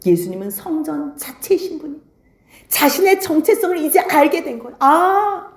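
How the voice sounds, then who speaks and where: Expressive woman pastor preaching in echoey hall. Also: gravelly. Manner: expressive preaching, swinging between soft hushed lines and emphatic high calls. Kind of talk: sermon.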